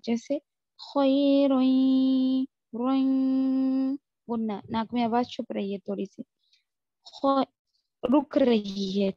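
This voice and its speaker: A woman teaching a tajweed lesson, explaining rules quickly and then drawing out recited Arabic examples very slowly. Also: a little high, gravelly, no room sound. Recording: dry, dull lo-fi audio.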